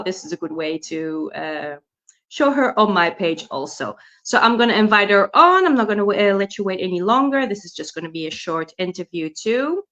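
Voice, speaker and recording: A woman's voice: mid-range voice, a bit bright, lo-fi sound. A woman from the Netherlands, hosting a casual live interview over a video call and exclaiming often. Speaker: host of a live stream.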